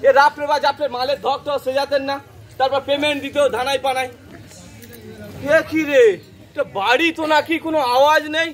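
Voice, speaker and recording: High-voiced scheming young man, played by a male actor. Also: flat delivery, a little fast. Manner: theatrical, declaiming monologues. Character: scheming young man who profits from family quarrels. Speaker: stage actor. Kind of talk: amateur stage play acting. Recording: loud crowd noise.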